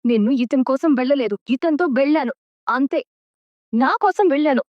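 An actress playing a stubborn young woman who stands up to her family, with sharp, defiant retorts in a TV serial. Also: sits high, moderate pace, no echo, close to an everyday voice. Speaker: daughter defying her family. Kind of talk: TV serial acting. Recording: dull lo-fi dry sound.

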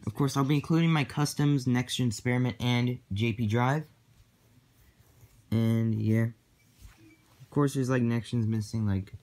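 A man making a casual announcement to viewers as host of a toy series, in a halting, repetitive way. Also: medium pitch, warm tone.

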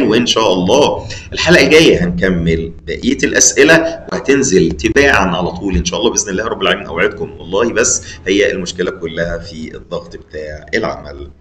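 A deep, low-pitched man with an Egyptian Arabic accent teaches an English exam review. He talks to his students, answers himself in their voice, and slows down to read each English example sentence. The recording carries a roomy echo. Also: a bit bright, a little hiss or hum. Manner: reads English sentences slowly and deliberately.

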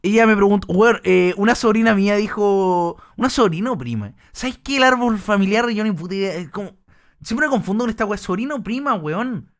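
High-voiced Chilean man streaming, crude slang. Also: animated. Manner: crude slang-heavy rapid rambling, exaggerated put-on internet voice. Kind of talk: casual livestream reaction chat.

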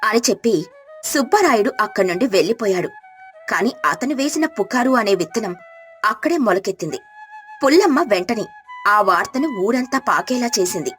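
A woman narrating a village moral story in a scripted storybook style, with clear, even delivery. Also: medium pitch, moderate pace, soft background music.

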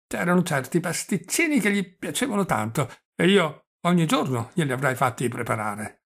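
A man's voice: a little high, very animated, moderate pace, gravelly, fairly bright tone, husky, voice pushed up, exaggerated voice. A man reading the part of a forgetful, rambling old prince who stammers and drops French phrases, in an audiobook. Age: older.

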